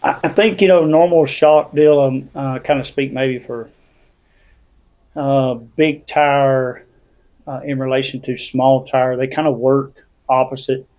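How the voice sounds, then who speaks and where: A man, a guest drag racer and tuner, talking slightly out of breath with many halting fillers over a video call. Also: medium pitch, steady tone. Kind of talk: casual panel talk. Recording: tinny phone-like line.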